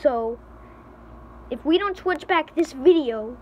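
A high-voiced teenage girl acting out a comedy skit for her vlog. She talks slowly and panics, pleading and yelling for help. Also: expressive, slight background noise. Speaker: vlogger.

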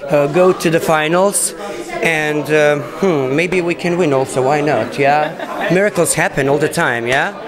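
A man's voice: a little high, a little slow, a crowd in the background. A man answering interview questions in a small indoor room, earnest and repeating words for emphasis. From Bosnia and Herzegovina. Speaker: singer being interviewed.

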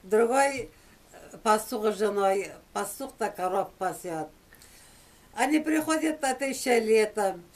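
A woman's voice: mid-range voice, expressive, a little slow, darkish tone, distant mic. A woman in her seventies casually telling an anecdote, recorded by a camera in a small room at home. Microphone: camera a short distance away.

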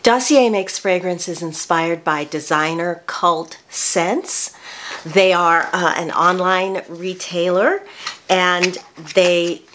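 A woman's voice: fairly low pitch, slow pace, a bit bright, slight background noise. A woman in her sixties hosting a casual product review vlog from a bedroom, chatty and prone to restarting her sentences. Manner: chatty, with frequent restarts and self-corrections. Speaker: beauty vlogger. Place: small bedroom, indoors.

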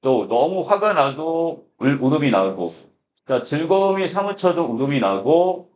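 A man's voice: fairly high pitch, sing-song, measured pace, darkish tone. A man teaching a literature class, explaining a classic prose text line by line and starting most phrases with a filler "so". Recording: dull lo-fi lecture recording.

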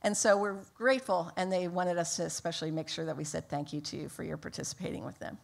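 Low-voiced woman giving an earnest church report. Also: fairly even intonation, fast, creaky. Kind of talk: church announcement. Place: church sanctuary.

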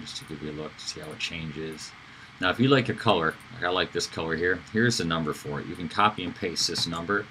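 A man giving a casual screen-recorded software tutorial, talking loosely with fillers and self-corrections. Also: very deep voice, a little hiss or hum, poor audio. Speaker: instructor.

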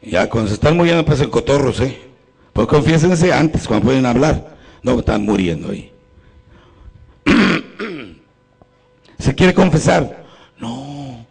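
Gravelly Mexican priest preaching. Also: male voice, mid-range voice, very animated, a little slow, pauses often. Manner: preaches to a congregation and swings between loud emphasis and quiet, intimate questions; acts out the people in his stories. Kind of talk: sermon with storytelling.

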